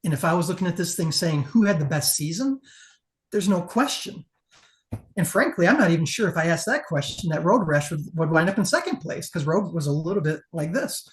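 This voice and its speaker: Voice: mid-range voice, animated, brisk. A competition judge giving a casual panel critique in an emphatic, profane, conversational way.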